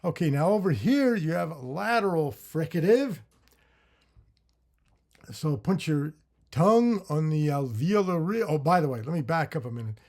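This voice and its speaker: A man teaching a lecture on consonant sounds, slowly voicing example syllables and thinking aloud with fillers and restarts. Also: a little high, expressive, darkish tone. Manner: slow, deliberate, with drawn-out syllable demos. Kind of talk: lecture on phonetics with spoken sound demonstrations.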